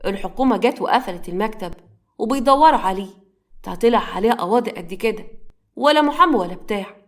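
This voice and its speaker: A woman voicing an excitable doorman telling news loudly in Egyptian Arabic. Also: mid-range voice, fast talker, natural voice. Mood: excited. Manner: loud, animated.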